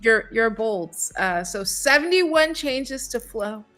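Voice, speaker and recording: A woman's voice: on the high side, animated, takes it slowly, a bit bright, soft background music. A woman co-hosting a developer live stream, upbeat and chatty, laughing easily as she tells stories. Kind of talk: casual live-stream chat.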